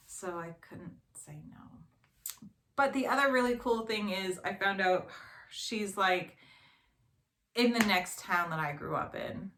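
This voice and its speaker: A woman in her thirties talks through her knitting projects in a rambling, casual way, full of ums and self-corrections. Her voice sits at an ordinary pitch and rings in an echoey room. A faint noise hangs behind her. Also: fairly bright tone. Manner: chatty and rambling, with many fillers and self-corrections. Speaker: knitting vlogger. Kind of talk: casual show-and-tell chat.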